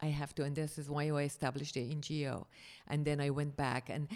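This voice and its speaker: A woman in her fifties speaks with a mellow, dark tone. She answers questions earnestly as an NGO founder. She often stops and restarts her sentences. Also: deep voice, level tone. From Afghanistan. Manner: earnest, halting with frequent restarts. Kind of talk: conversational interview answers.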